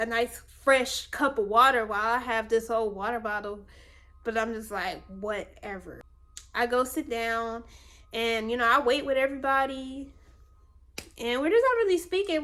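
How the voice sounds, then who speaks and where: A woman's voice: a little high, fairly bright tone. A woman in her twenties from Virginia tells a story in a casual, rambling way, full of fillers and asides. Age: 20s. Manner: rambling and chatty, with many fillers. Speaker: vlogger.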